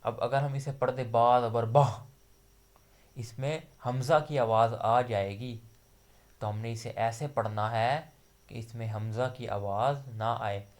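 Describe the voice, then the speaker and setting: A man teaching a recitation lesson, patiently explaining and slowly sounding out example syllables. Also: mid-range voice. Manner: patient, repeats letters slowly with drawn-out demonstration syllables. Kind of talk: online tajweed lesson.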